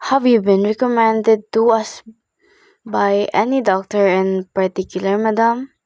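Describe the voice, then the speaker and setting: A woman's voice: medium pitch, steady tone, darkish tone, no room sound, clean studio sound, close to an everyday voice. A young woman acting a polite, formal, unhelpful hospital receptionist in an amateur radio play. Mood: polite, officious. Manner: measured, officious, courteous.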